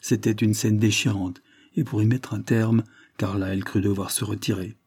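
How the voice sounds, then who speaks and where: A man narrating a classic novel as an audiobook, in a steady, expressive storytelling manner. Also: fairly low pitch, moderate pace, husky, no echo.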